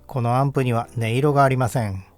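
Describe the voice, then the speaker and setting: A man giving calm, measured, scripted narration that explains equipment test results step by step. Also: medium pitch, faint music behind. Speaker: audio equipment reviewer. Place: voice-over.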